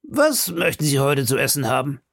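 A man's voice: medium pitch, sing-song, moderate pace, gravelly, a bit bright, dry recording, studio quality, pitched above the performer's own voice, full character voice. A man doing a fawning chatty prison food server. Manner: obsequious, chatty, gossipy.

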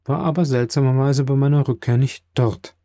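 A man's voice: mid-range voice, moderate pace, dry recording, close to an everyday voice. A man voicing a joyful, breathless young daughter in a read-aloud novel. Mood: eager. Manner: breathless, excited cries.

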